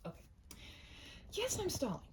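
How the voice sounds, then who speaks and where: A woman hosting her own story reading speaks at a moderate pace in a cozy, one-to-one style, chatty and a touch self-conscious. She opens with roleplay chat to the listener and then reads a short story she wrote. Background noise is present.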